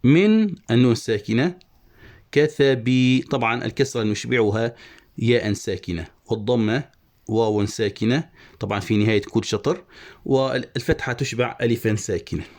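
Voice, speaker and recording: A man's voice: on the low side, fairly even intonation. Man methodically teaching verse scansion. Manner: methodical, slowly spelling out syllables. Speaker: Arabic prosody teacher. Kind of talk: online lesson explaining verse scansion.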